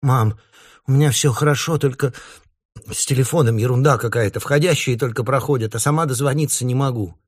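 A man's voice: medium pitch, brisk, husky, no room sound, studio quality, pitched above the performer's own voice, natural voice. A man doing an anxious, pleading young woman. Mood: evasive. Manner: pleading, urgent. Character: anxious young woman in her late twenties.

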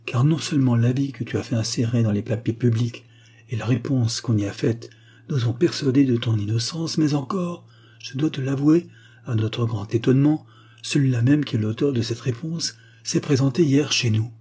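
A man's voice: mid-range voice, moderate pace, dark tone, husky, lightly acted. A man voicing a remorseful, tender aristocratic mother in an audiobook reading, earnest and confiding.

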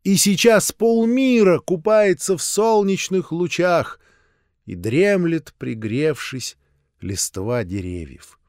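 A man narrating a short story in a measured, expressive audiobook reading. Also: a little high, no echo, studio quality.

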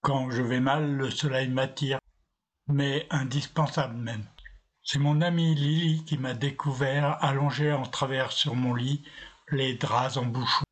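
A man narrating a scripted first-person story in a steady, unhurried way. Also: medium pitch.

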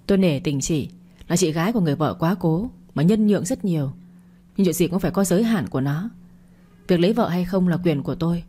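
A proud older widower, put on by a woman narrator lays down each word firmly. The voice sits low and husky. It belongs to a spoken audio story. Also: expressive, fast, dark tone. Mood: indignant. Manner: firm, pressing each word. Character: stern widowed older man, proud and lonely.

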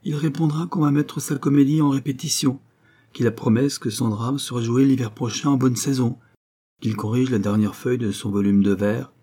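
A man's voice: mid-range voice, steady tone, moderate pace, mellow, natural voice. A man reading a storybook, voicing a passionate, headstrong young woman in love, pleading and exclamatory.

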